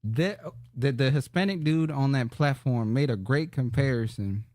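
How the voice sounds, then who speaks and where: A man's voice: mid-range voice, normal speed, darkish tone, no room sound, clean studio sound. A man co-hosting a podcast in casual chat, blunt and fond of retelling what others said. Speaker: podcast co-host.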